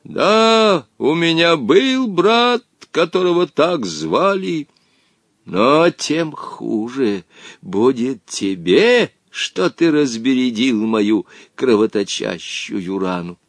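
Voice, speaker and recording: A man voicing a vengeful ancient male genie who speaks pompously in slow, drawn-out phrases. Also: medium pitch, sing-song, no room sound. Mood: lamenting.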